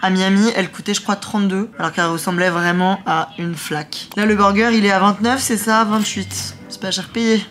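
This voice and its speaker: A woman's voice: mid-range voice, fairly even intonation, fairly quick, hardly any pauses, fairly bright tone, soft background music. A young adult woman talking casually to a handheld camera, chatty and playful with self-mocking asides, from city streets and a hotel room. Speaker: travel vlogger. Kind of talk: casual vlog talk to camera. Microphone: handheld vlogging camera.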